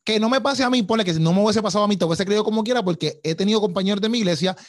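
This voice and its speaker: A man's voice: high voice, rapid-fire. A man in casual chat, eager and emphatic, often repeating himself. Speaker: conversation partner.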